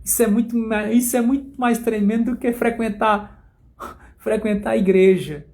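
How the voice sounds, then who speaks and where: A man teaching a Bible study in a sermon style, telling stories dramatically with slow, emphatic phrasing. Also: sits high, steady tone, darkish tone.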